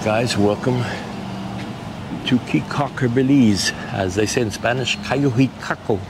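A man in his forties talks casually to viewers as a travel vlogger, walking outdoors through sunny island streets with a handheld camera. He repeats himself and tosses out relaxed asides. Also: mid-range voice, a little slow. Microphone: action camera held at arm's length while walking. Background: street and vehicle noise.

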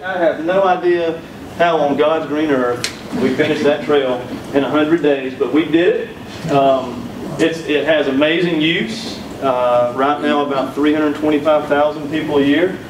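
Speaking indoors at a conference, this South Carolina man in his thirties gives a keynote with a Southern accent, using folksy humor and storytelling on a handheld mic. His fairly high voice stays steady and unhurried. The capture is from far back, so the room echoes, and there's background noise.

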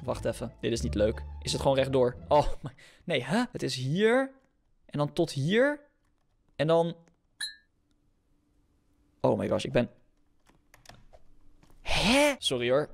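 A young man with a Dutch accent giving casual commentary on his own gameplay, chatty and reacting out loud with yelps and repeated words. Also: mid-range voice. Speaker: gaming YouTuber. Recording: music clearly under the voice.

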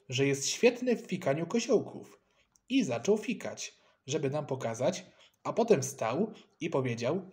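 A man reading a children's story aloud in a playful, expressive way. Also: a little high. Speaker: audiobook narrator. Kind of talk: scripted storybook narration.

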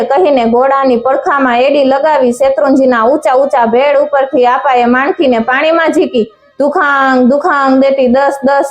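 A woman reading a folk tale aloud with dramatic storytelling and a few slips and restarts. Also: sits high. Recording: echoey room with faint music.

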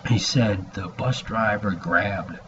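At home in a small room, a gravelly, lowish-voiced man in his forties records a personal message to his webcam, rambling hesitantly with long pauses. The lo-fi webcam audio is dull and carries background noise.

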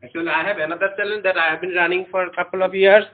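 Very fast and steady in tone, a man with a high-sitting voice and Bengali as his first language lectures a class earnestly and encouragingly, repeating himself frequently. The audio is echoey and tinny, like a phone.

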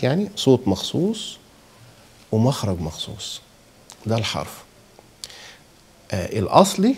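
Gravelly low-voiced Egyptian Arabic teacher. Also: male voice, a little mellow. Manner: checks in with listeners often, demonstrates sounds aloud. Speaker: Quran recitation teacher. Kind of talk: explaining a lesson.

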